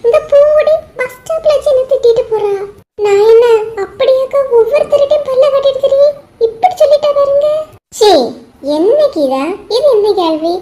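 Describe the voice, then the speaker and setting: A woman's voice: very high-pitched, a little fast, darkish tone. A woman voicing a gossipy, touchy village wife in a cartoon, speaking in a Kanyakumari Tamil accent and complaining in a whiny, self-pitying way. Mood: aggrieved. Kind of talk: cartoon voice acting.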